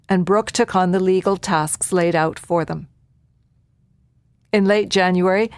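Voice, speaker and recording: A woman narrating a true-life account in a measured, reflective way. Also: medium pitch, no room sound, clean studio sound. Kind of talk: documentary narration.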